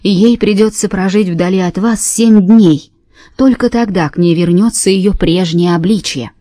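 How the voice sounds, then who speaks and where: A woman reading an audiobook voices a stern male God in a play, speaking in slow, commanding pronouncements. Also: medium pitch, dark tone, no echo, studio quality, lightly acted. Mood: solemn.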